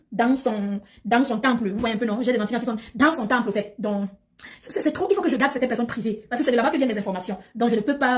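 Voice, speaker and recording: A woman hosting a casual livestream chat in an emphatic, talkative way, often repeating her phrases. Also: fairly high pitch. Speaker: livestream host.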